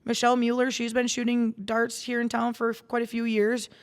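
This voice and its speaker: A woman's voice: fairly high pitch, completely flat delivery, brisk, big-room sound. A woman guest in a podcast studio telling stories in casual chat, rambling with many restarts and fillers. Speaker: guest, salon owner and darts player.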